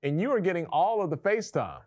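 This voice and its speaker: A man hosting a casual talk show, joking and bantering in an animated way. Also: high-pitched, fast talker.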